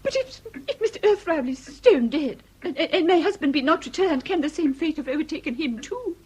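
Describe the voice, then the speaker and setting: In a period comedy radio drama, an actress plays an anxious, genteel Victorian wife with an English accent, her manner fluttering, over-polite, and halting. Her high-pitched female voice is animated and a little mellow, and she sounds anxious and ashamed.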